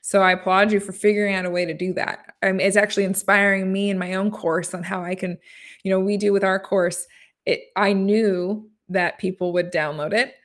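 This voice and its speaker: A woman's voice: medium pitch, steady tone, normal speed. A woman hosting a podcast interview, chatting casually and encouragingly and laughing easily. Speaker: podcast host.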